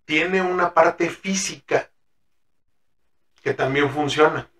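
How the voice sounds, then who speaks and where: A man's voice: on the high side, slow, fairly bright tone. A man with a Mexican accent hosting a therapy podcast, chatting casually, swearing freely and acting out exchanges with his patients. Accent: Mexican Spanish. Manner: colloquial, swears freely, acts out patient dialogues. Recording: roomy echo, mic at a distance.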